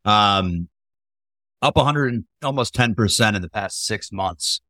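A man's voice: on the low side, animated, measured pace, sharp tone, no room sound. A man hosting a casual investing discussion, asking loose, rambling questions full of hesitant fillers.

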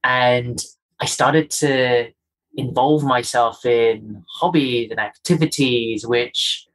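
A man's voice: medium pitch, slow pace, fairly bright tone, rough recording. A man from Kenya with a faint, polished Kenyan accent, a guest speaking earnestly and emphatically about his own experience in an interview. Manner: earnest, emphatic, repeats key phrases. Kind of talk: reflective interview talk.

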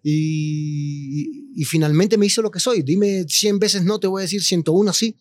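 A man, a guest telling his story with animated, slangy chat. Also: high-pitched, normal speed, no echo. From Cuba. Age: 40s. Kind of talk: casual interview chat.

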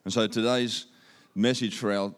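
A guest speaker with an Australian accent delivers a church sermon into a handheld microphone in a church auditorium. His voice sits fairly low, with a steady tone and moderate pace, and he keeps things upbeat and conversational, repeating key phrases for emphasis.

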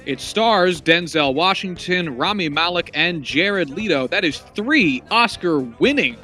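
A man's voice: sits high, lively intonation, unhurried, bright, forceful tone, faint music behind. A man co-hosting a casual film review chat, rambling with lots of fillers and wry asides. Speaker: podcast co-host.

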